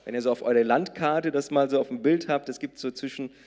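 A man from southern Brazil, preaching a sermon, swinging between loud emphatic peaks and soft intimate lines. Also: medium pitch, a little fast. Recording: long reverb of a large hall.

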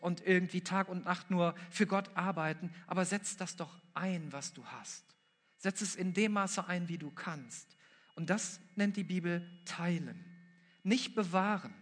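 Male pastor, sermon, slightly high voice, earnest repetition, long hall reverb. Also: measured pace, a bit bright. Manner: earnest, direct address to the congregation, building repetition.

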